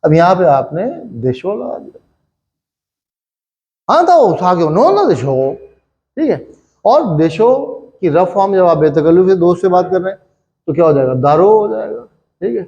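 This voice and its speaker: A man's voice: sits high, animated, brisk, gravelly, warm tone, lo-fi sound. A middle-aged man from Pakistan with an Urdu-speaking Pakistani accent, teaching a chatty, repetitive Japanese grammar lesson and checking in with the class often. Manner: chatty, repetitive, with many "thik hai" checks.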